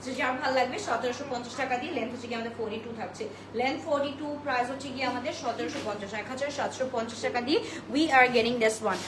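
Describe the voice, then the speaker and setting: High, fast-talking woman selling dresses live. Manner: chatty, greets viewers by name, mixes in English phrases. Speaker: online boutique seller hosting a live sale. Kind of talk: live-stream sales pitch. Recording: roomy echo with steady background noise.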